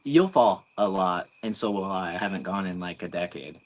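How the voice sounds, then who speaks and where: A man's voice: low voice, expressive, moderate pace, rough recording. A man in his twenties co-hosting a casual livestream, reading out viewer comments in a chatty way. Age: 20s. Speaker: livestream co-host.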